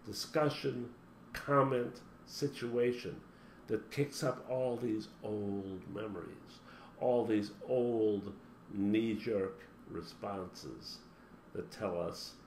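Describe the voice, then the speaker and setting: Speaking extremely slowly in a lowish voice, a man gives an emphatic motivational talk as a spiritual teacher, moving through long spoken lists. A roomy echo and soft background hum mark the recording.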